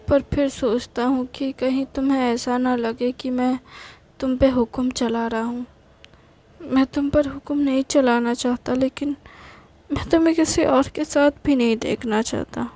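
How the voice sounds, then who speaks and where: A woman's voice: high voice, darkish tone. A woman voicing a devoted young man who declares his love in a romantic audio story, earnest and hesitant, often repeating words.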